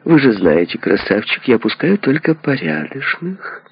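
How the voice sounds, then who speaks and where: A man voicing a plump, middle-aged madam who simpers and turns shrill when flustered. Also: huge pitch swings, brisk, gravelly, slightly rough, no room sound, exaggerated voice. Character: plump coy middle-aged woman, brothel keeper. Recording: dull lo-fi recording.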